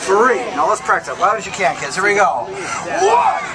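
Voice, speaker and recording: A man's voice: high voice, fast talker. A man performing as a grandiose flea circus showman, with theatrical, mock-formal old-fashioned barker patter for a crowd of families. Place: outdoors at a public event. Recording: very noisy outdoor crowd and street noise.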